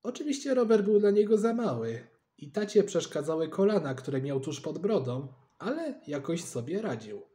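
A man reading a children's storybook aloud with lively, expressive delivery. He tells it in the first person as a boy, and his voice sits somewhat high for a man. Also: moderate pace, few pauses.

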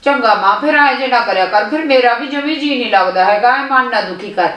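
A young woman plays a married daughter who coaxes her tearful mother. She has a somewhat high voice and a soothing manner. The sound is roomy and distant. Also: fairly quick, a bit bright, natural voice. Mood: coaxing. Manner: soothing, coaxing. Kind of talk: village drama acting. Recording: echoey room, voice off-mic.

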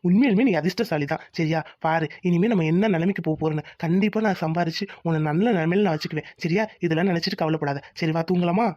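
Woman doing a young cartoon husband, gentle, reassuring, fast talk. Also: lowish voice, no echo, muffled recording, close to an everyday voice. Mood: tender. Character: kind young village husband, a devoted mechanic. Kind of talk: cartoon voice acting.

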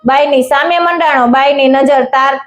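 Female storyteller, high-pitched, dramatic folk-tale reading in a roomy space. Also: normal speed. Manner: dramatic storytelling, a few slips and restarts. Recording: echoey room with faint music.

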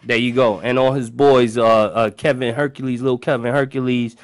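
A man in his thirties with a Brooklyn accent hosts a radio show from a studio, using a close microphone and headphones. He banters casually in slang, swears, and repeats his phrases, his mid-range voice steady at a moderate pace with no echo.

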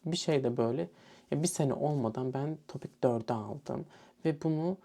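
A man's voice: mid-range voice, moderate pace, vocal fry, mellow. A young man from Turkey telling a story casually and animatedly, acting out what other people said. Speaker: student vlogger.

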